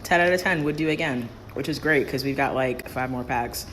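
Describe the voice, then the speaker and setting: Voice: mid-range voice, fairly quick, a bit bright, a little hiss or hum, poor audio. A person chatting casually for a food tasting vlog, chewing while talking and short of breath from spicy food.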